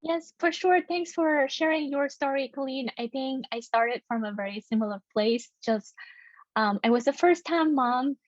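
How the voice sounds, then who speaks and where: A woman's voice: sits high, moderate pace, dry recording, highs cut off. A young woman from Vietnam, a native Vietnamese speaker, speaking earnestly as a children's book author on a panel, with many fillers and restarts. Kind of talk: panel discussion.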